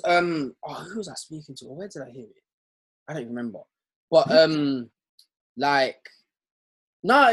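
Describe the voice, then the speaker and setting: A young man with a London roadman accent talks casually among friends. His voice is a little high and husky, and he circles back over phrases in thick slang to push his point. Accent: London, urban roadman slang. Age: young adult. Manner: slangy, repeats himself as he makes a point. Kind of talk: casual group chat.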